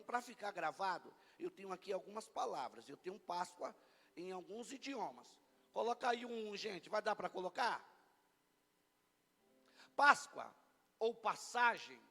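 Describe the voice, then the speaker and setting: Brazilian pastor guy, high voice, joking with the church crowd mid sermon, big hall echo. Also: vocal fry, pushed and bright. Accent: Brazilian Portuguese. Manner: playful, bantering with the congregation. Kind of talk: lively Easter sermon. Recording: long church hall reverb.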